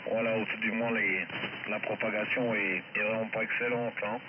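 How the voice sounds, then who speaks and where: A man with a lowish voice talks flatly at a moderate pace, chatting casually as an amateur radio operator. He's heard through a radio receiver over a shortwave transmission, so the sound is muffled and full of static.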